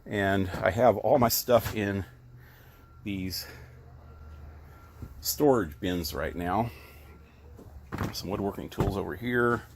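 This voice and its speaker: A man with a lowish voice walks through a casual tour of his tiny workshop, talking in a loose, rambling way with plenty of ums and self-corrections. He is outdoors at a trailer park among tall trees, recorded on a handheld camera mic. A faint hiss sits under his voice. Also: takes it slowly, pauses often. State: a little out of breath. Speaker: hobby woodworker giving a shop tour.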